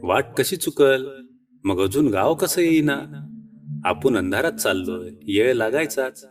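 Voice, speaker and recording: A man's voice: medium pitch, expressive, unhurried, recorded from a distance, soft background music, pitched above the performer's own voice, close to an everyday voice. A man doing a brash rustic village lad. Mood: brash coaxing. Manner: brash, teasing, coaxing.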